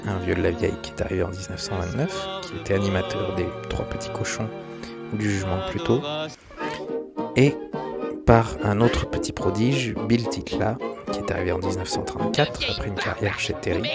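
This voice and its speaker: An animation history channel host reads his documentary script in a fairly low, expressive voice at normal speed, with some vocal fry. He stumbles a bit over the text at times. Background music plays under a dry, close recording.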